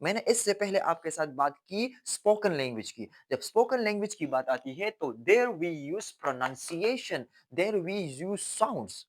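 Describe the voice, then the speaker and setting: A man's voice: high voice, animated, measured pace, hardly any pauses. A young man teaching English grammar in Hindi, dropping in English phrases and repeating key words as he explains step by step. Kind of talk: classroom lesson.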